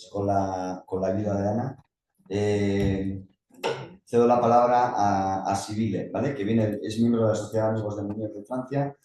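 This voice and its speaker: A man chairing a session and informally introducing speakers, hesitant and pausing mid-phrase. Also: on the low side, dark tone. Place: conference room. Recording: very echoey room, distant mic, faint noise.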